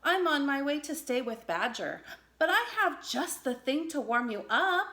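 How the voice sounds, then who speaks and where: A woman's voice: high-pitched, sing-song, moderate pace, bright, forceful tone, heavily acted. A woman voicing a kind, earnest young male hedgehog in a children's storybook. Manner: earnest, exclaiming.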